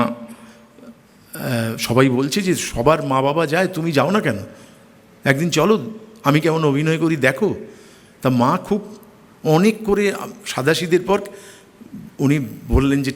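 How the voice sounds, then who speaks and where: A middle-aged man, a stage actor, telling stories in an anecdotal lecture with expressive, animated delivery. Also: medium pitch, takes it slowly, long pauses. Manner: expressive storyteller, quoting his mother in animated bursts. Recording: long hall reverb.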